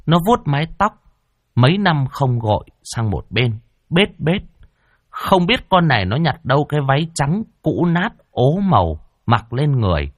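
A man's voice: medium pitch, no room sound, clean studio sound. A man narrating a comic ghost story in a playful, vivid way.

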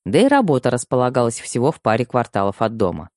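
A man reading a first-person story aloud as an audiobook narrator, with expressive storytelling. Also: mid-range voice, fast, no echo, clean studio sound. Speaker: audiobook reader.

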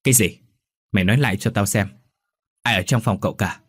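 A man voicing a sharp-tongued older mistress who scolds and orders her servant about. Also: fairly low pitch, fairly quick, slightly rough, no echo. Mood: scolding. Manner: scolding, commanding.

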